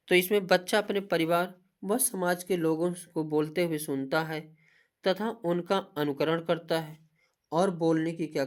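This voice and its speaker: Hindi teacher reading out exam points. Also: medium pitch. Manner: asks a question mid-sentence and answers it herself; reads points off in a steady listing voice. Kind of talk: exam-prep lecture.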